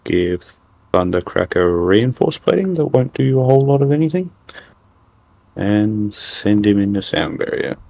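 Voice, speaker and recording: A man's voice: fairly low pitch, animated, a little slow, vocal fry, dark tone. A man calling out his moves as the opponent in a card game, terse, dry and matter-of-fact.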